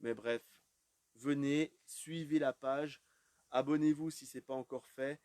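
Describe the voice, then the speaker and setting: A man's voice: mid-range voice, steady tone, measured pace, darkish tone, no room sound. A man giving a casual live walkthrough of an aquarium shop, chatting loosely with plenty of fillers as he walks around. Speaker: aquarium shop tour host.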